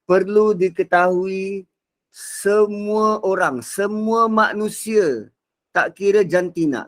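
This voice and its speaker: Male religious teacher, fairly high voice, expressive lecture delivery. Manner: expressive, acts out quotes, shifts between soft and loud. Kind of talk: Quran reflection lecture.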